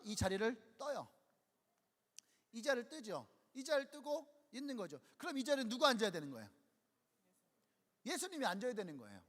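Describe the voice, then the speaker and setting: High-voiced male pastor preaching a sermon. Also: a bit bright. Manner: rhetorical questions, dramatized quotes. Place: church sanctuary. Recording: long church hall reverb.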